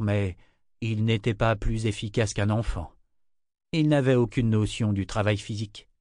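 A male audiobook narrator reading in an even, measured way. His voice sits at a middle pitch, and the recording is dry and close with no room sound. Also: dry recording. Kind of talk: scripted narration.

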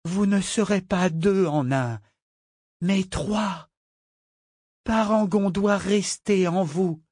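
A man's voice: high-pitched, slow, darkish tone, slightly rough, dry recording, clean studio sound, voice pushed up, exaggerated voice. A man voicing a desperate, defiant young woman in an audiobook. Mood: urgent resolve. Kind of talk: audiobook character voice.

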